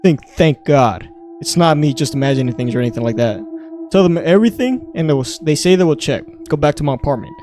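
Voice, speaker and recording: Over music, a young adult man hosting a podcast reads online stories aloud casually, in a crude, joking way and a clipped green-text style. His voice is a little high and animated, moving quickly with hardly any pauses.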